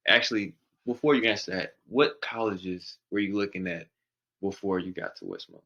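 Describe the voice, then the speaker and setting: A man's voice: deep voice, normal speed, gravelly, bright, forceful tone, dull audio. A man hosting a college podcast, chatty and enthusiastic as he introduces a guest and shares his own experience. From St. Louis, USA. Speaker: podcast host. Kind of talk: podcast interview.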